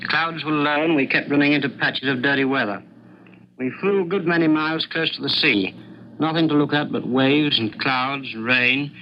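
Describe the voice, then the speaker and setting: A British man, an air force pilot, giving a grave, measured, understated account in a 1940s wartime radio broadcast. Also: a little high. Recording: muffled, noisy 1940s radio recording.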